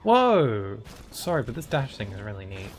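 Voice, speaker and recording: A man's voice: mid-range voice, very animated, moderate pace, soft background music. A man casually chatting on a live stream as he plays a game, reacting aloud to what happens on screen. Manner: reacts aloud to gameplay with exclamations.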